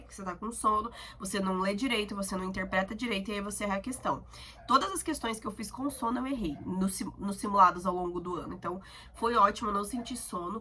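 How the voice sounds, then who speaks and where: Here a young student vlogger with a Brazilian Portuguese accent talks casually to the camera in a medium-pitched voice, with a little hiss or hum on the recording. She's chatty and talkative, telling her stories with animation.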